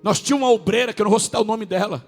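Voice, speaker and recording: A male pastor preaching a sermon, with a northern Brazilian accent, a raspy voice, and sudden shouted peaks between drawn-out words. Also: high voice, in a large hall, soft background music. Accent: Brazilian Portuguese, northern.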